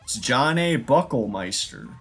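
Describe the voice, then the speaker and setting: A young man streaming a game, chatting casually with loud jokes and laughter. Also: mid-range voice, measured pace, creaky, husky, soft background music. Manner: loud, laughing, joking, lively. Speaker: gaming streamer. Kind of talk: casual chat while playing.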